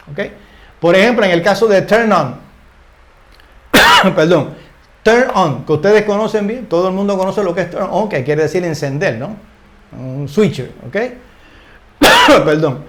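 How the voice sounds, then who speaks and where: An older man giving a relaxed English lesson, often ending phrases with little tag questions and repeating words as he searches for the next one. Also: sits high. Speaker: English teacher. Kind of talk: casual spoken grammar lesson.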